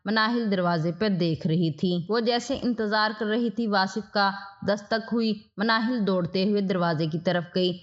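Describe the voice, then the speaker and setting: A woman storyteller giving a steady, scripted narration of a moral tale. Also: medium pitch, hardly any pauses. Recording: dull lo-fi audio.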